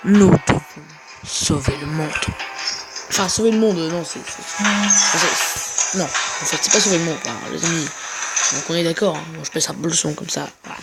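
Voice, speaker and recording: A woman's voice: low voice, brisk, creaky. A woman hosting a gaming video in casual commentary, chatty and rambling, often repeating herself. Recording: music playing behind the voice.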